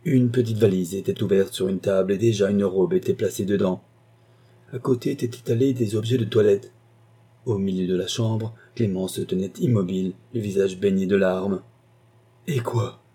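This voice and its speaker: A man giving a measured, scripted audiobook narration. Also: low voice, steady tone, mellow, husky.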